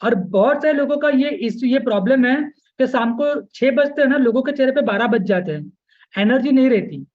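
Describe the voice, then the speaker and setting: Animated and very high-voiced, a man leads a live online weight-loss webinar at normal speed, blending English into Hindi. He keeps asking "okay?" and saying "yes" to his listeners. The sound lacks high frequencies.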